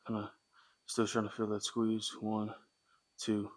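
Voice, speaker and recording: Husky, even-toned man coaching a workout. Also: on the low side, unhurried. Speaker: fitness vlogger demonstrating exercises. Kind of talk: casual workout instruction. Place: gym. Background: faint music.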